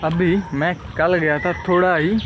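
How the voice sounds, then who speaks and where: A young adult man vlogs selfie-style outdoors in a rural village, chatting casually and rambling, his voice fairly high, level in tone, and a little slow. He holds the phone at arm's length, and the noisy outdoor recording picks up insects and vehicles.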